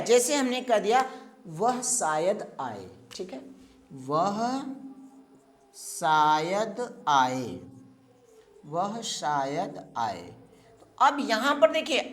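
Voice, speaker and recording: A woman teaching a grammar lesson, dictating notes slowly and repeating each phrase so students can write it down. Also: on the high side, fairly bright tone. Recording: echoey room.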